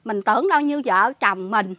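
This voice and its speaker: In a dry, lo-fi recording, a woman with a mid-range voice speaks at a moderate pace, animated, pushed and bright. She has a Southern Vietnamese accent and is a relative caring for a sick man, interviewed about it. Her emotional account comes out in an indignant rush full of restarts.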